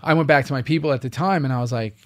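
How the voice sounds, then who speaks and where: A man from the US East Coast, an actor, speaks at a medium pitch in rapid-fire bursts. He's a guest in a casual interview, spinning lively anecdotes and acting out the dialogue of the people in his stories.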